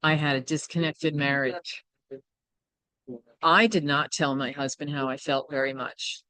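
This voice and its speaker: A woman's voice: sits low, fairly even intonation, measured pace, pushed and bright, dry recording. A woman presenting a workshop, speaking candidly and reflectively, often checking in with her listeners. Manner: candid and reflective, with frequent "right?" and "you know". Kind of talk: personal teaching talk.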